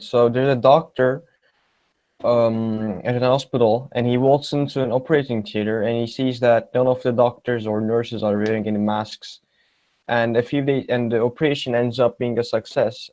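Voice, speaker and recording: A man's voice: mid-range voice, darkish tone, dry recording, poor audio. Fluent young male student, dry sound. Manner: casual, fluent storytelling. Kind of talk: summarizing a passage in class.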